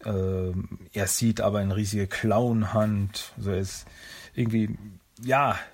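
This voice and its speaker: A man's voice: fairly low pitch, level tone, slow pace. A man casually retelling a cartoon episode, hesitant and full of fillers.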